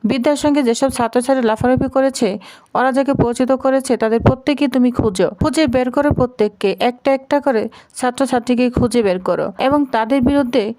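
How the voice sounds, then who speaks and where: Brief: a woman reading as a cold scheming father in a serial recap, commanding tone, high voice. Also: fairly quick, mellow, lightly acted. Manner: commanding, threatening. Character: scheming middle-aged man, ruthless businessman father.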